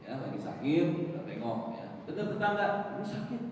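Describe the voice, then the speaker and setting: Lively preacher in an echoey mosque. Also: male voice, a little high, brisk, a little hiss or hum. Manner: lively, joking, acts out dialogue. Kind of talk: evening mosque sermon. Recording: echoey mosque hall from far off.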